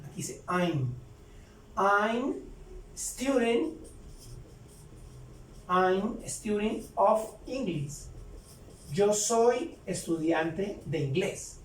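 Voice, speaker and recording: Male tutor, unhurried and repetitive, roomy distant recording with faint background hum. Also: high voice, a little mellow. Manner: slow, repetitive, explains each example twice. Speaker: English teacher. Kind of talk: step-by-step tutorial.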